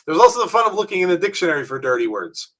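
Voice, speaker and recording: Bright-voiced man chatting on a podcast. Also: high-pitched. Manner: relaxed storytelling, quick agreements. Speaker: podcast co-host. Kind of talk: casual chat.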